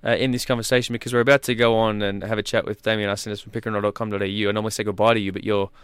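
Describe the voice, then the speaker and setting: A man's voice: on the low side, little pitch movement, rapid-fire, fairly bright tone, clear, resonant tone, dry recording. A man with an Australian accent hosting a sports radio show in a conversational interviewing style.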